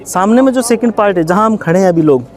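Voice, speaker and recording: A man's voice: high voice, expressive, fast. A man working as a tour guide, explaining things to visitors outdoors in a chatty, lecturing way. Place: outdoors at a historic palace.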